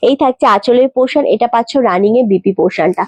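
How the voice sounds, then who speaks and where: A young woman with a Kolkata Bengali accent, chatting through a live-stream sales pitch, urging viewers to book quickly. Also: a little mellow, no echo. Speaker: saree seller on a live stream. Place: boutique shop.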